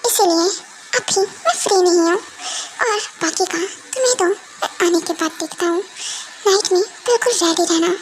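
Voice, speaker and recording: A woman's voice: very high-pitched, normal speed, a little hiss or hum. A woman voicing a cold, bossy young mafia husband who gives curt orders in an amateur fan dub. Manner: curt, commanding, dismissive.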